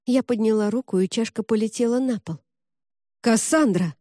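A woman narrates a fantasy novel in the first person, telling the story steadily and expressively. Her voice sits fairly high yet sounds mellow and warm. The recording is close and dry. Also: steady tone, quick pace, no room sound. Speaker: audiobook narrator.

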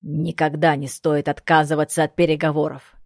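A woman voicing an elderly, gruff male corporal who lectures in a measured, didactic way, in an audiobook. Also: low voice, little pitch movement, a little mellow, no echo, studio quality, pitched below the performer's own voice.

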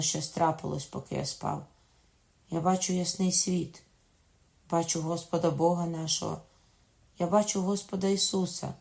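A dying young king in fevered, rapt prayer, read by a woman, low gravelly voice, pleading, softly raised.

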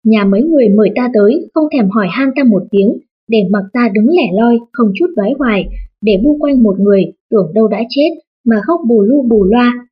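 A woman voicing an old, lame Taoist nun who scorns the family with mocking calm, in a storybook reading. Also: fairly high pitch, fairly quick, slightly rough, dull audio. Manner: scornful, laughing at others.

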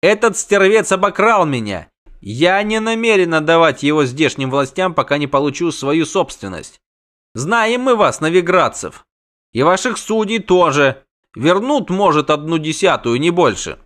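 A man reading the part of a hot-tempered male halfling merchant who shouts and curses indignantly. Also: a little high, very animated, moderate pace, hardly any pauses, pitched above the performer's own voice. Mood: blustering.

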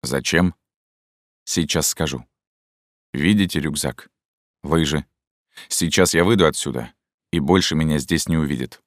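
A weary, guarded middle-aged scientist, as read by a male narrator, slow and resigned in a very low voice. He speaks quietly and close, with a dry studio sound. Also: no room sound. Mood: secretive.

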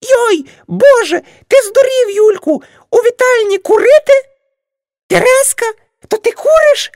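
A woman voicing an older aunt in an audiobook, shrieking and scandalized, with a very high, loud, scolding voice. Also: animated, measured pace, no echo, clean studio sound. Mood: shrill scolding.

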